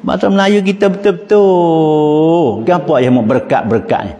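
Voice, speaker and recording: A man with a Pattani Malay accent, an Islamic teacher giving a lively religious lecture, asking rhetorical questions and chuckling often. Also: a little high, normal speed. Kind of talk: religious lecture in local dialect. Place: mosque. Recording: long reverb of mosque hall, faint noise.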